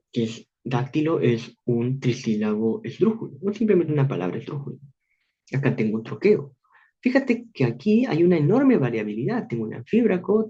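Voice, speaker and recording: A man lectures on poetry over a video call, his voice mellow and a little husky. His pitch moves a lot as he explains, and he slows down to stress each beat when he reads verse aloud. The sound is dull and lo-fi, like online call audio. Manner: explains patiently, slows down to read verse lines with heavy stress. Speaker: literature lecturer.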